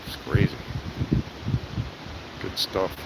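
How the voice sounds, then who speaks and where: A man giving casual, enthusiastic live commentary on a storm from outdoors in a yard. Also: slow. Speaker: amateur storm watcher livestreaming. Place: outdoors in a yard at night during hurricane winds. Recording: loud wind buffeting the microphone, rustling leaves. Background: strong gusting wind, rustling trees.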